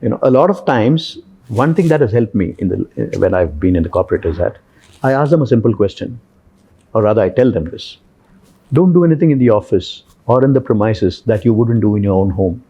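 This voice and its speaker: A man's voice: fairly low pitch, expressive, brisk, warm tone, breathy edge. A man from India with an Indian accent, speaking as a podcast panellist who asks and answers his own questions.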